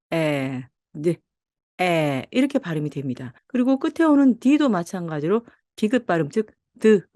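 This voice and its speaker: A woman teaching English pronunciation in Korean, friendly and patient, slowing down to model each sound in an exaggerated way. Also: medium pitch, darkish tone, no echo, clean studio sound. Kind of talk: phonics lesson, slow demonstrations.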